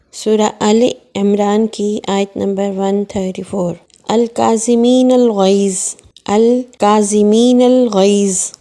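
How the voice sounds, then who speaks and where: A woman teaching a gentle children's Quran lesson, speaking slowly and coaxing the children with questions. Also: medium pitch.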